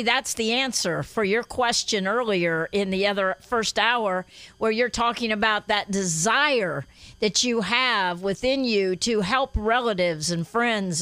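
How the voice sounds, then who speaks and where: A woman's voice: fairly high pitch, fairly bright tone, no room sound, low-quality recording. Fervent woman hosting a faith show. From Guatemala. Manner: fervent, punctuates with amens and praise. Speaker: host.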